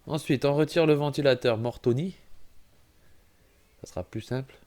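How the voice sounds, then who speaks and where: A man's voice: mid-range voice, moderate pace, a little mellow. A man with a cold, giving a chatty, self-correcting walkthrough of a computer-building game and often apologizing. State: has a cold, clearing throat. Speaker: gaming YouTuber. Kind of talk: casual gameplay walkthrough commentary.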